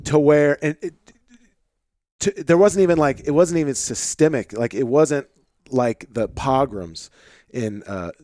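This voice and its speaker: A man hosting a podcast, talking loosely and excitably, swearing and calling his guest "dude" and "man.". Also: mid-range voice, measured pace, no echo, clean studio sound. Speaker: podcast host. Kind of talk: casual conversation.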